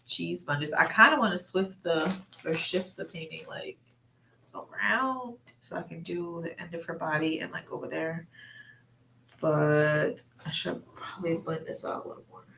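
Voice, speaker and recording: A woman with a slightly low voice chats casually in an echoey room. She sounds congested, breathing through her mouth, and rambles along as if thinking aloud on a livestream. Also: normal speed, gravelly, pushed and bright, a little hiss or hum. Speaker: artist livestreamer chatting while painting. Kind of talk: casual chat.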